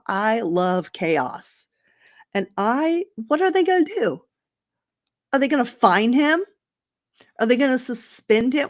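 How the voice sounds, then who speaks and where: Slow-talking sarcastic woman podcaster. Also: medium pitch. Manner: sarcastic, rambling, gossipy, with playful outbursts. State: tired, late at night. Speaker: podcast host. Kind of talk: casual solo sports podcast.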